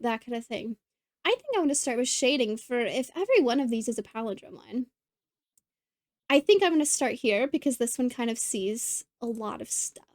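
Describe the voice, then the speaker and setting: A woman's voice: on the high side, a little mellow, no room sound. A woman hosting a puzzle video, thinking aloud as she solves, musing and hesitant with frequent ums and maybes, a little out of breath.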